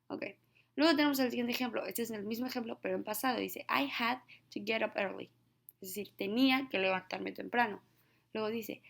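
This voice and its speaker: A woman, an English teacher giving a recorded grammar lesson who slows right down to read out example sentences. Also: medium pitch, vocal fry.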